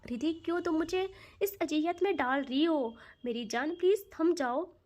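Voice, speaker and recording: A woman's voice: high-pitched, normal speed, a little mellow, lightly acted. Woman voicing a tender, protective young lover. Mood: torn. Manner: tender, pleading, reassuring. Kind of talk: romantic audio story role.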